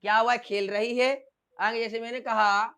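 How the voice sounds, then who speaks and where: English teacher guy, clean smooth voice, keeps asking the class the same thing over and over. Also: very high-pitched, flat delivery, moderate pace, bright, forceful tone. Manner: drills by asking and repeating questions. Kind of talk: classroom grammar lesson.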